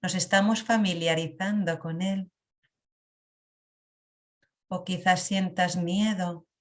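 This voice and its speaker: In a calm, reflective manner, a lowish-voiced woman guides listeners through an emotional meditation. She goes slowly and leaves long pauses.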